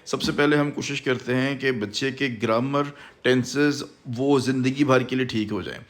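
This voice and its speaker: A man's voice: medium pitch, steady tone, normal speed. A man with a Pakistani Urdu accent, an English course instructor giving a confident, salesy promotional talk that mixes in English words. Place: language institute.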